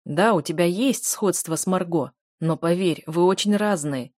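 A woman voicing a calm, possessive man who speaks in a level, unruffled way. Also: lowish voice, moderate pace, no room sound, clean studio sound, natural voice. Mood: firm. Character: calm possessive adult man, firm lover.

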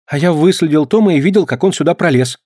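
A man voicing an excitable little farm boy who talks eagerly in a high, shrill voice. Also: fast, no echo, clean studio sound.

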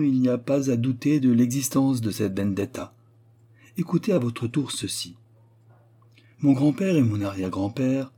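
A man narrating a story aloud in a measured, dramatic way. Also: mid-range voice, dark tone, slightly rough. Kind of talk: audiobook narration.

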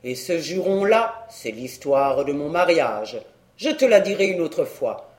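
A reader voicing a gruff, swearing old country squire in an audiobook, speaking loud and boastful. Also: medium pitch, sing-song, unhurried, voice pushed down. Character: blustering old Breton country squire, the uncle. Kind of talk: audiobook character voice.

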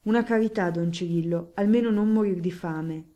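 A woman's voice: fairly low pitch, normal speed, mellow, lightly acted. A woman voicing a poor, desperate middle-aged male hatter who begs insistently for help. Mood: pleading. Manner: pleading, insistent.

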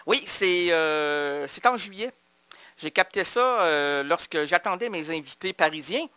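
A man's voice: a little high, lively intonation, measured pace, sharp tone, smooth, no echo. A man with a Québécois accent hosting a late-night community radio chat, rambling and playful, stammering through his wordplay in a studio. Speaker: radio host.

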